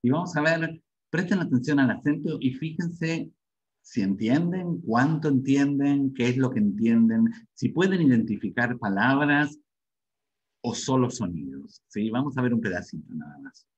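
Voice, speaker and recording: A man's voice: medium pitch, lively intonation, moderate pace, breathy edge, lo-fi sound. A man giving a webinar lecture on learning English, repeating himself and checking in with the audience often.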